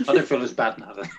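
A man hosting a podcast, enthusiastic but halting, with many restarts. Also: mid-range voice. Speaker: podcast host. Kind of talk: casual podcast interview. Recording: dull lo-fi sound.

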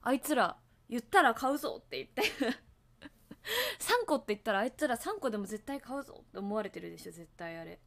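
A woman hosts a casual livestream, talking straight to her viewers. Her voice sits a little high, and she drifts loosely from one topic to the next. She often laughs at herself as she goes. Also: very animated, a little fast, creaky, a bit bright. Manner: rambling, chatty, talks to viewers and laughs at herself; hums and sings along to songs between topics. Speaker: livestream host.

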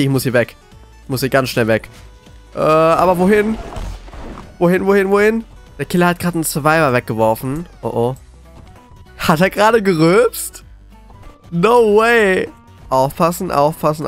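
A man commentating live on a horror game as a scared, jittery streamer, excitable and often repeating words. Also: fairly high pitch. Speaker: gaming video creator.

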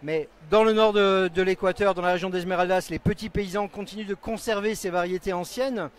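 A man in his forties with a fairly high voice hosts a live stream at a crowded trade stand. He explains fluently and at length, holding a handheld mic in a big indoor exhibition hall. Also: steady tone, a little fast. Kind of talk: live event interview and explanation.

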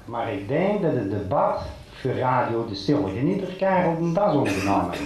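A man's voice: mid-range voice, very animated, moderate pace. A man performing a carnival stand-up monologue, chatty and punchline-driven, telling local jokes. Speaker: carnival comedian. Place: large hall before a live audience. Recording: echoey hall with loud crowd laughter.

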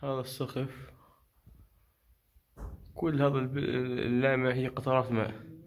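A man with a Palestinian Arabic accent giving unscripted, observational commentary while filming in a rock cave, pausing to speculate. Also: medium pitch, flat delivery. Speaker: cave explorer filming and narrating. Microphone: handheld phone or camera. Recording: faint noise, handheld camera audio.

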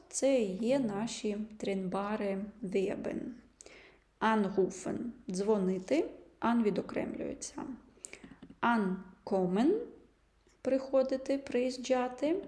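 A woman teaching a language lesson, patiently explaining and slowly sounding out example words. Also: mid-range voice, mellow, roomy sound. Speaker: German teacher.

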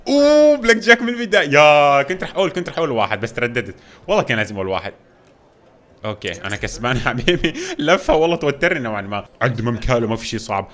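A young man giving excitable gameplay commentary, talking straight to his viewers. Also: mid-range voice. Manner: fast, excitable, talks to viewers as "guys". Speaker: gaming YouTuber.

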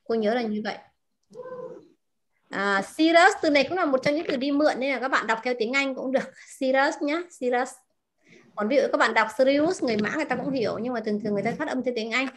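A woman teaching a language class, repeating words slowly and asking her students questions. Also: sits high, a little hiss or hum. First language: Vietnamese. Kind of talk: explaining vocabulary to a class.

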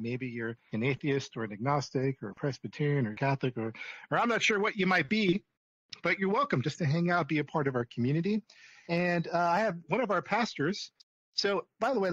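Casual upbeat pastor, dull lo-fi sound. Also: male voice, on the high side, no room sound. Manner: relaxed, chatty, upbeat. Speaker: pastor and host. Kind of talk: casual church welcome. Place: virtual reality chat room.

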